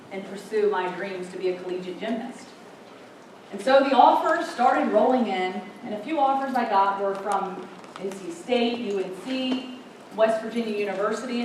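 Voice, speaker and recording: A woman's voice: medium pitch, a little hiss or hum. Young woman telling her story, earnest and emotional, sounds far off in a big echoey hall. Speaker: speaker sharing her story. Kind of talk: personal storytelling talk.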